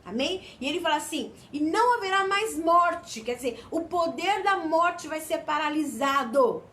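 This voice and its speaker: A woman's voice: high voice, animated, normal speed, fairly bright tone, a little hiss or hum. A Brazilian woman preaching a fervent sermon, often calling out "Amém?" to her listeners. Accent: Brazilian Portuguese.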